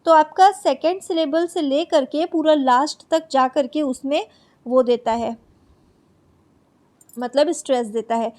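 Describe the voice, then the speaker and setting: A woman teaching an exam-prep lesson, explaining in Hindi, reading English definitions aloud slowly, and asking and answering her own questions. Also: sits high, darkish tone.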